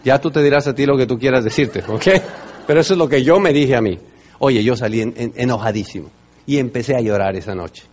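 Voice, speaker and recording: Mexican man, middle-aged, motivational speaker, emphatic storytelling, loud then hushed. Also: fairly quick, slight background noise. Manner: emphatic, swings from loud bursts to soft low asides. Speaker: speaker at a business event.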